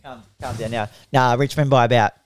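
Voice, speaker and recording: A man's voice: mid-range voice, fairly even intonation, fairly quick, smooth. A young Australian man hosting a podcast, chatting casually about football tips with teasing, laid-back banter. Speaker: podcast host. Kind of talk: casual footy tipping chat.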